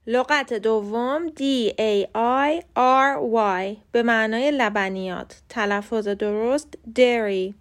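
A woman hosting a short podcast lesson on English pronunciation, reading from a script and slowly spelling words out letter by letter; her first language is Persian. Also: a little high.

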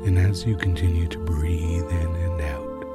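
A man narrating a guided sleep story in a soothing, hypnotic manner, with long pauses between short phrases. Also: sits low, fairly even intonation. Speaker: sleep podcast host and narrator. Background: new-age music.

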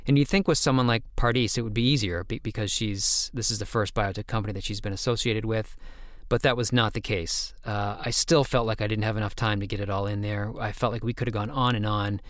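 Low-voiced man hosting a science podcast. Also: steady tone, a little fast, few pauses, fairly bright tone, dry recording, studio quality. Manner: conversational, with restarts. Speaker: podcast host. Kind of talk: podcast interview.

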